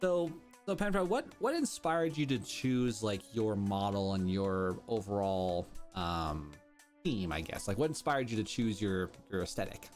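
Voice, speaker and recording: A man's voice: lowish voice, animated, measured pace. A man hosting a podcast in casual interview chat, wordy and effusive. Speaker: podcast host. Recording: music behind the voice. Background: background music.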